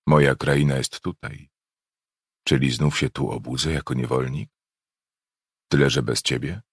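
A man's voice: rumbling low, steady tone, a little slow, breathy edge, no room sound, clean studio sound, heavily acted. A man voicing a frightened, earnest young enslaved boy who asks timid questions.

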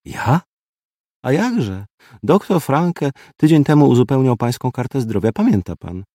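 A man's voice: medium pitch, big pitch swings, a little slow, dark tone, dry recording, studio quality, pitched above the performer's own voice. A man voicing a tired woman doctor in a field hospital who speaks in a weary, matter-of-fact way. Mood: pleading.

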